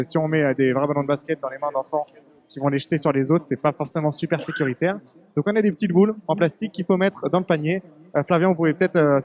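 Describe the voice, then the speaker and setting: Young male field reporter, quick, playful, slightly high voice, live at a fair. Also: darkish tone. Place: busy indoor agricultural fair hall.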